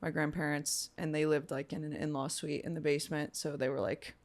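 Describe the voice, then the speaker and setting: A young woman from Virginia, a guest musician, telling her story in a relaxed, chatty way in a casual interview. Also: low voice, brisk.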